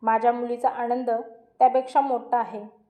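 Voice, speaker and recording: A woman voicing a middle-aged father who speaks calmly and firmly. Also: fairly high pitch, normal speed, natural voice. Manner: calm and firm. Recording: roomy echo.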